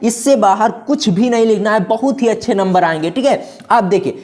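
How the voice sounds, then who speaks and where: A man's voice: high-pitched, normal speed, darkish tone. A man teaching a Hindi exam-prep lesson, explaining step by step and often checking that students follow. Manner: explains step by step, keeps checking "ठीक है", calls students "दोस्तों" and "बाबू".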